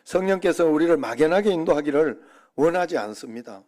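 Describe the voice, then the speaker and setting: A middle-aged man preaching a sermon as pastor, telling a story with lively acted-out quotes and prayers. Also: fairly high pitch, fast. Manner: animated storytelling, acts out prayers and quoted speech.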